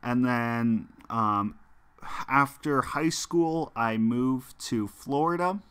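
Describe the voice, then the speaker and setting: A young American streamer takes it slowly while talking to viewers over his mobile football game, his casual talk marked by fillers and restarts. The mid-range voice is a bit bright, clear, and resonant.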